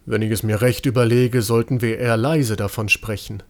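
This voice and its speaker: A man voicing an old court physician, excited and fussy, in a storybook reading. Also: fairly low pitch, fairly quick, natural voice.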